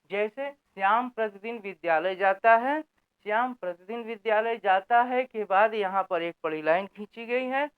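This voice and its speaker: A man explains grammar step by step, often pausing to check that his listeners are following and putting questions to the class that he then answers himself. His voice is smooth and clear. The sound is squeezed into a narrow, phone-like band. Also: high voice. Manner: repeats "theek na" checking in, asks and answers own questions. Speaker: Hindi grammar teacher. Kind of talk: explanatory lesson.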